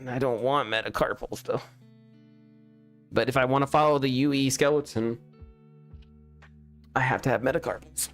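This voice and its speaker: Pausing often, this young streamer talks at a normal speed in a medium-pitched, fairly bright voice with fairly even intonation. He chats casually while building a game live, exclaiming when things go wrong and restarting his sentences. Faint background music and a pop-filtered studio mic complete the setup.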